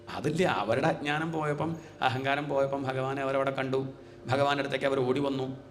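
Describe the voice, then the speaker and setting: A man's voice: medium pitch, a little hiss or hum. A middle-aged man giving a devotional scripture discourse, talking conversationally and putting rhetorical questions to his listeners. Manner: chants verses in a slow sing-song. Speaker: spiritual teacher.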